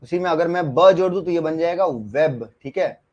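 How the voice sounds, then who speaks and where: A man's voice: on the high side, expressive, moderate pace, darkish tone. A man teaching shorthand in a live online class, talking casually and often checking that students understand. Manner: chatty, repeats "ठीक है" and asks students if they understood. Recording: dull lo-fi sound.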